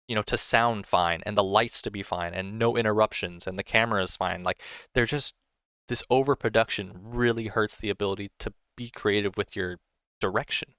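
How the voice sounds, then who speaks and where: A man's voice: fairly low pitch, fairly bright tone, clear, resonant tone, no room sound, studio quality. A young man talking casually about a film, enthusiastic and rambling, with frequent restarts and filler phrases. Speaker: film reviewer. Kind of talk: casual film review monologue.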